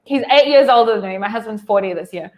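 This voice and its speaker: A New Zealand woman in her thirties talks quickly in a slightly high, a little mellow voice. Over a video call she tells her life story as an interview guest, casual and chatty, with lots of "like," plenty of restarts and frequent laughter.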